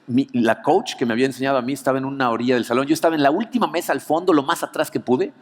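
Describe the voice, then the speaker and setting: A male pastor with a Mexican Spanish accent, preaching an anniversary sermon as an animated storyteller who keeps adding "¿no?" to his lines. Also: mid-range voice, rapid-fire. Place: church auditorium. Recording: long reverb of a church hall.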